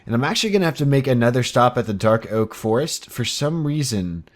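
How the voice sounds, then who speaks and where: Here the same kind of eighteen-year-old channel host chats through Minecraft fairly quickly, his mid-range voice lively. It's loose, cheerful rambling full of filler words.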